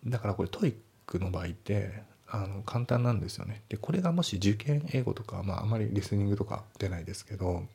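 A man's voice: on the low side, expressive, quick pace, creaky, few pauses, warm tone, slightly rough. A man teaching English for an exam, breaking sentences down step by step with casual asides. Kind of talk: spoken exam-prep lesson.

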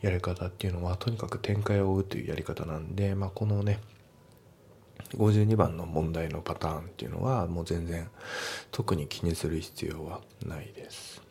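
Low gravelly male English teacher. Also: normal speed, a little hiss or hum. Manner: relaxed, chatty explanation with frequent fillers. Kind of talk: explaining English test listening and grammar.

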